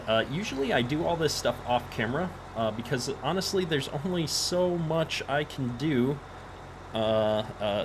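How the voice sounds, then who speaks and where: A man hosting a casual game live stream, easygoing and chatty, in an echoey room. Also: medium pitch. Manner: easygoing, chatty greetings to viewers. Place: echoey home office. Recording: echoey room, clear background noise.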